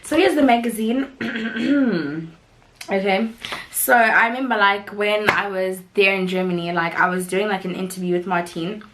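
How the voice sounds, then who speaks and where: A young woman with a South African accent chats to camera as a vlogger. She rambles happily with lots of "like" and frequent laughs, and her voice sounds rough because she is sick. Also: medium pitch, measured pace, noisy background. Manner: chatty, full of "like", laughs often. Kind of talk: casual chat to camera.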